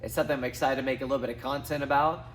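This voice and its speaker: A finance YouTuber in his thirties from Southwest Missouri, USA, talks casually to camera in a talking-head vlog, rambling with many ums and restarts. His mid-range voice holds a steady tone, and he speaks rapid-fire.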